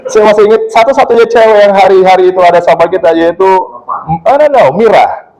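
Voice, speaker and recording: A man's voice: sits high, fast, a crowd in the background, poor audio. A male pastor preaching a sermon in a church, telling stories with laughter and slipping English phrases into his talk. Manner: lively storytelling with laughter, mixes in English phrases.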